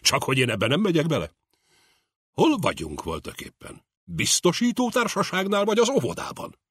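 A man voicing a gruff, blustering old grey-haired man who booms and mocks, in an audiobook reading. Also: huge pitch swings, fairly bright tone, no echo, studio quality, heavily acted. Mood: mocking outrage. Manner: booming, mocking.

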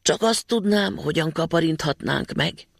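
A man voicing nervous scheming male robbers in a storybook reading, in a hushed, urgent way. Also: on the high side, creaky, no echo, clean studio sound.

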